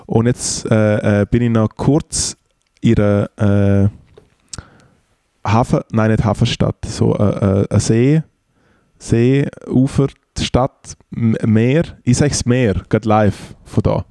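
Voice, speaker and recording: A man's voice: fairly low pitch, steady tone, takes it slowly, warm tone, dry recording, clean studio sound. A man with a Swiss German accent co-hosting a podcast in casual banter, rambling and joking as he searches for words. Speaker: podcast co-host. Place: remote, on the English coast.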